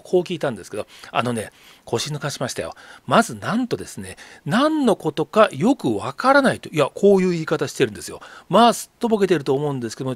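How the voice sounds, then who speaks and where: A man's voice: a little high, dry recording. A middle-aged man from Kobe explaining political news on a video channel, emphatic and full of rhetorical questions. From Kobe, Japan. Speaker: political commentator. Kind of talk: YouTube news commentary.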